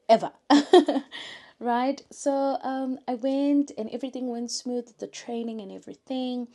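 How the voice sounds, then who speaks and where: A South African YouTuber with a South African accent tells an earnest, faith-filled story in a casual vlog. Her voice is on the low side, and she often drops to a soft whisper.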